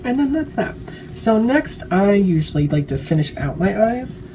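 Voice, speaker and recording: A woman's voice: medium pitch, big pitch swings, moderate pace, very noisy. A woman giving a casual, chatty makeup tutorial while tipsy, rambling drunkenly and swearing freely.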